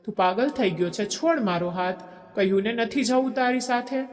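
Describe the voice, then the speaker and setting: A man's voice: high voice, moderate pace, voice pushed up, natural voice. A man voicing a defiant young woman, echoey. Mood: defiant, pleading. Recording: echoey long reverb.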